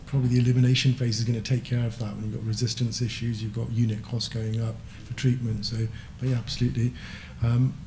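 A man's voice: medium pitch, flat delivery, quick pace, hardly any pauses, dark tone, roomy sound, slight background noise. A man moderating a panel discussion from a lectern, conversational with frequent fillers. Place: conference auditorium, standing at a lectern. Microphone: lectern microphone.

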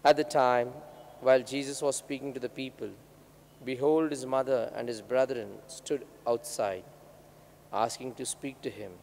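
Priest with cathedral echo. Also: male voice, mid-range voice, fairly even intonation, darkish tone. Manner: measured, delivered in short phrases with pauses. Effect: cathedral echo, long church reverb. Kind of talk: Mass gospel reading and homily. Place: large church indoors. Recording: reverberant church hall, faint background noise.

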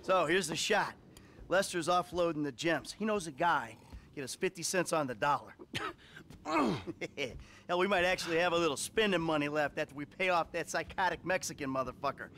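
A man's voice: on the high side, lively intonation, normal speed, a bit bright, slight background noise. An actor playing a cocky, sardonic middle-aged male ex-robber in a video game cutscene. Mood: wry.

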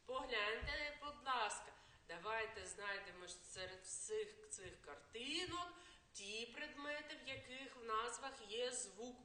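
A woman kindergarten teacher giving a slow, coaxing early literacy lesson to young children. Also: on the high side, animated, pushed and bright. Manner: slow, sing-song, coaxing teacher talk. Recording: echoey room with faint noise.

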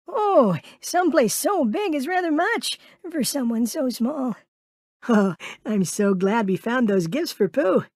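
A tiny, timid cartoon piglet, with an extremely high voice that swings up and down. He is polite and kindly but fretful, stammering and hesitating through his words. The sound is dry and close, like a video game character clip. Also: animated, measured pace, dry recording, heavily acted. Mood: shy, friendly. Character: Piglet, small timid, anxious, kindly male piglet.

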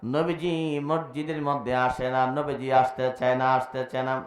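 A man preacher from Bangladesh telling a religious story in a sermon, swinging between hushed low narration and raised, shouted appeals. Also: level tone, measured pace. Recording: echoey amplified hall.

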